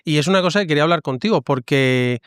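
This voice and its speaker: A man hosts an interview as a priest, with a slightly high, smooth voice. He asks his questions and often checks in with a short tag question. The sound is close and dry. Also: quick pace, dry recording. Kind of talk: conversational interview.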